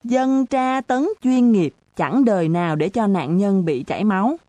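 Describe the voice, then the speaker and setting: A woman's voice: mid-range voice, expressive, a little slow, mellow, dry recording, lightly acted. A woman voicing a crafty teenage boy tutor who boasts, tells tall tales and falters when he is caught out. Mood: boastful, weary.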